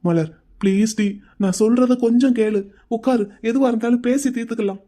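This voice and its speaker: A woman's voice: on the high side, brisk, warm tone, natural voice. A woman voicing an anxious young husband in a cartoon drama, pleading with his wife not to leave. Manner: pleading, coaxing.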